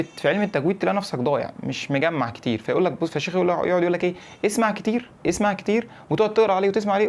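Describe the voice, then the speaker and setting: A young man with an Egyptian Arabic accent giving casual advice to camera, repeating his points and checking that the viewer follows. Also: a little high. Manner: rapid, animated, repeats points and checks in with "فاهم؟". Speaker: English-learning YouTuber.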